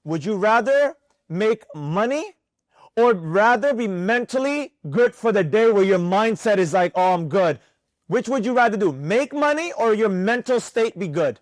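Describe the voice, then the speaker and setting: High-voiced trading instructor, animated. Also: male voice, unhurried, no echo. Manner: animated, questioning the room. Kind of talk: live classroom teaching.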